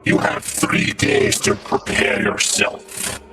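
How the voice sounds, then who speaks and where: A man's voice: fairly low pitch, monotone, pushed and bright, slight background noise. A man voicing a menacing male villain who taunts the heroes through a recorded message, stretching out his threats. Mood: gloating. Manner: gloating, drawn-out threats. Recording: echoey recorded message with music.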